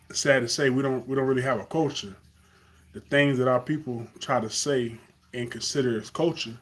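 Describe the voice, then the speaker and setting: This young Southern-accented man from Carolina, with a medium-pitched voice, delivers an earnest, improvised live stream monologue peppered with fillers and restarts.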